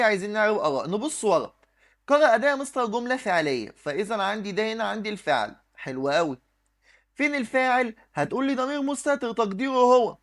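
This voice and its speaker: A man's voice: high-pitched, a bit bright. A man with an Egyptian accent teaching an exam review lesson, explaining step by step and answering his own questions while he writes on the screen. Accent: Egyptian Arabic. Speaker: Arabic teacher.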